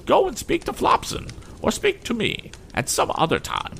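A man voicing a haughty, easily offended genteel lady in a shrill falsetto, in a read-aloud story. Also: huge pitch swings, normal speed, gravelly, fairly bright tone, a little hiss or hum, full character voice. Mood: indignant.

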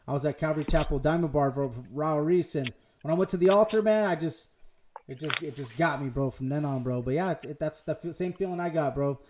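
A man's voice: fairly high pitch, darkish tone. A man hosting a casual podcast chat in a laid-back, slangy way. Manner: laid-back, slangy, calls listeners bro. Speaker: podcast host.

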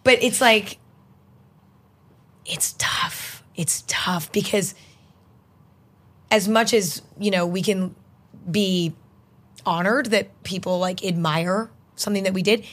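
A woman's voice: medium pitch, a little slow, long pauses, fairly bright tone. Young woman chatting in a loose, rambling way. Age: young adult. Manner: rambling, heavy use of "like". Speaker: interview guest, video creator. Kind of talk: casual chat.

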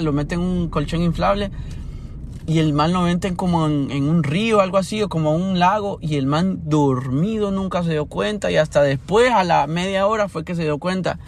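A man shares his thoughts in a relaxed vlog. His voice sits slightly high, and he circles back and restarts as he thinks aloud. Faint vehicle noise hums in the background. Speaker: vlogger. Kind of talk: casual reflective monologue.

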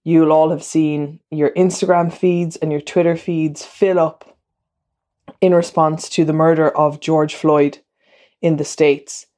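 Low-voiced Irish woman hosting. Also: little pitch movement, slow pace. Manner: gentle, reassuring questioning. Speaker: podcast host. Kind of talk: conversational interview.

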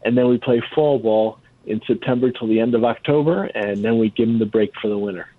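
Casting: male radio call-in caller, casual talk, mid-pitched, thin phone-line sound. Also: fairly quick, no echo. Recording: tinny, dry phone line.

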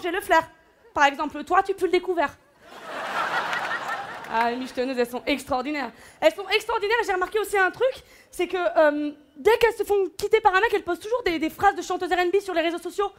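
A woman's voice: very high voice, fast talker, a bit bright, a little hiss or hum. A woman doing stand-up comedy on a large stage, brash and teasing the audience. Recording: live show with music and crowd. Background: music and audience laughter.

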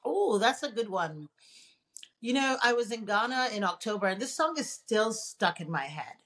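A woman from Nigeria, a guest on an interview show, telling her story in a relaxed, chatty way. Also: fairly high pitch, normal speed. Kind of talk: casual interview conversation.

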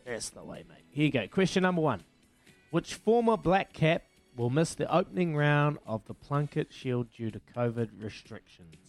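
A man's voice: on the high side, animated, normal speed, dry recording, soft background music. A man with a New Zealand accent hosting a casual phone-in radio quiz, matey and fond of repeating his phrases.

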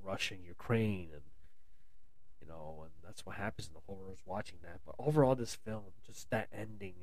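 A man's voice: lowish voice, dry recording. Rambling American man reviewing a film. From United States. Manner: rambling, loose, with many restarts and fillers. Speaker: movie reviewer. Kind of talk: casual spoken film review.

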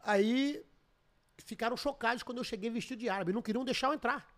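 Brazilian man, podcast guest, high quick voice, lively profane storytelling. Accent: Brazilian Portuguese. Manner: animated, swearing, laughing storyteller. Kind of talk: casual storytelling chat.

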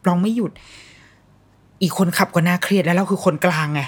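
A woman in her thirties who hosts a podcast and is talking about her own life as a mother. Her voice sits low with a husky edge. She speaks candidly, uses blunt slang, and drops into quick impressions of the people in her story. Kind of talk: casual storytelling chat.

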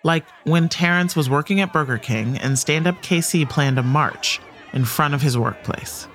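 A man narrating a documentary podcast in a measured, scripted storytelling voice. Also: fairly high pitch, a bit bright.

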